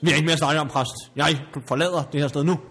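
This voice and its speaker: A man's voice: on the high side, steady tone, a bit bright, husky. A man playing a haughty, snobbish country estate owner in an improvised comedy sketch, indignant and stammering when flustered.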